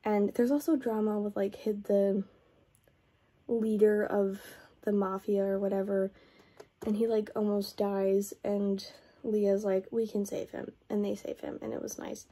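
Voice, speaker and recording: A woman's voice: mid-range voice, flat delivery, unhurried, mellow. A woman book vlogger in a casual review chat, retelling a plot in a rambling way and saying "like" often.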